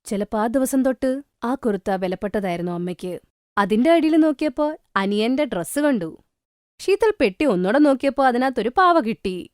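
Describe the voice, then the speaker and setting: A woman narrating a cartoon bedtime story in a gentle, emotional, scripted way. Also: on the high side, expressive, normal speed, no room sound, studio quality.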